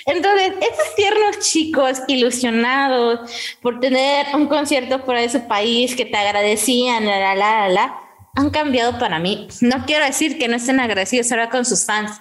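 A young woman hosting a casual podcast, animated and laughing as she tells a story. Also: fairly high pitch, normal speed. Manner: animated, laughing, acts out quotes. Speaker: podcast co-host.

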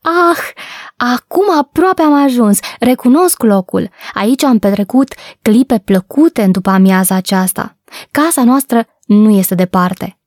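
A woman voicing a cheerful, trusting young girl who chatters brightly and eagerly in a storybook reading. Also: mid-range voice, dry recording, clean studio sound, natural voice. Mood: delighted.

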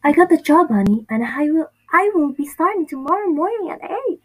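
A woman's voice: high voice, very animated, a little fast, rough recording. A woman playing a devoted, determined single mother in an amateur audio drama, earnest and emotional. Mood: warm.

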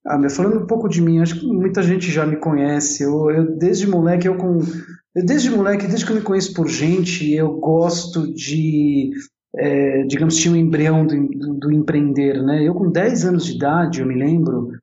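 Speaking at a normal speed with a warm, slightly high voice, this interview guest, an entrepreneur in his forties with roots in Italy and São Paulo, recounts his life in a chatty way. His São Paulo Brazilian accent is clear, and he keeps circling back to repeat and reword things. The room sound is roomy and a bit dull.

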